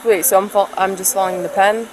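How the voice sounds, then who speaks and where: A woman's voice: medium pitch, fairly even intonation, fast talker. A woman in her early twenties from Pennsylvania, heard as body cam audio, giving short hesitant answers as a driver stopped by police. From Pennsylvania, United States. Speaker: driver pulled over by police. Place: outdoors at a roadside traffic stop. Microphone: picked up by officer's body camera. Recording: noisy body camera audio, outdoor vehicle hum.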